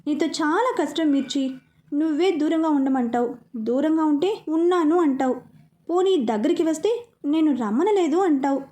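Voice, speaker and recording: A woman's voice: sits high, fairly quick, warm tone, natural voice. A woman reading the part of a playful young man who teases the woman he loves in a romantic storybook narration. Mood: teasing. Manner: teasing, playful. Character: young man Prashanth, playful teasing lover.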